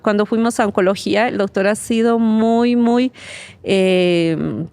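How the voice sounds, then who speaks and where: A woman's voice: medium pitch, measured pace, a little mellow, clean tone. A woman, a podcast guest telling her personal faith testimony with heartfelt emotion and nervous laughs. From Bolivia. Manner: heartfelt storytelling, acts out the words of others.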